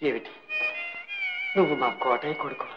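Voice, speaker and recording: A man's voice: medium pitch, huge pitch swings, normal speed. An actor playing an old ruined rich man with leprosy, humble and grief-stricken, speaking tearfully and pleadingly in a film melodrama. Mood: grateful. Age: older. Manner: tearful, pleading, speaks with rising and falling emotion. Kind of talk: 1960s Telugu film melodrama. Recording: dull old film soundtrack with faint music.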